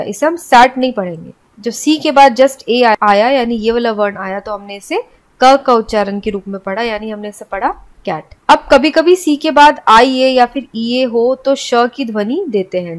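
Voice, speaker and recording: A woman teaching English pronunciation, explaining each rule step by step and spelling words out letter by letter. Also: sits high. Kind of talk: classroom explanation.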